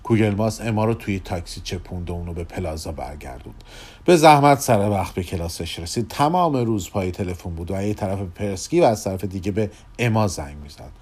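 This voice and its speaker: A man narrating a story in an expressive, lively reading style. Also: low voice, husky.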